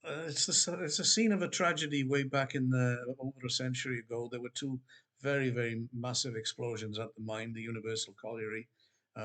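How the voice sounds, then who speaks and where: An older man from Wales, an author casually talking about his books in a relaxed, rambling way with many pauses and restarts. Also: medium pitch. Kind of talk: casual spoken book promotion. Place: Queensland, Australia.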